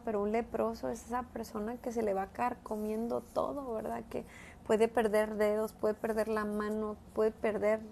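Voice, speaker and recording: A woman's voice: fairly high pitch, creaky, darkish tone, a little hiss or hum. A woman giving a conversational devotional Bible teaching, often adding tag questions as she goes.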